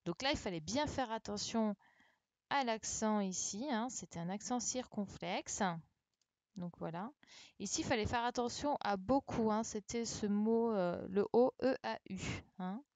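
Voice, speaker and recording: A French primary school teacher leads young pupils through a live-streamed class from her home, using a computer microphone. She corrects a dictation and patiently spells words letter by letter, checking as she goes. Her voice is medium-pitched, unhurried and darkish, with no echo.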